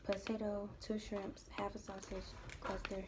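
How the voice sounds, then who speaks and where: A woman's voice: medium pitch, monotone, moderate pace. A young woman vlogging a mukbang at home, chatting casually and teasing her sister while she eats. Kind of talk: casual chat while eating. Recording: noisy home recording.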